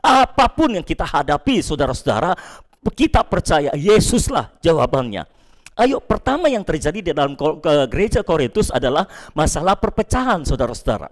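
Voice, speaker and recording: A man preaching a sermon to a congregation, emphatic, jumping up in pitch and slowing on key phrases, then dropping low to address the listeners. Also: very animated. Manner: emphatic, with leaps up in pitch and slowed stressed phrases. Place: church.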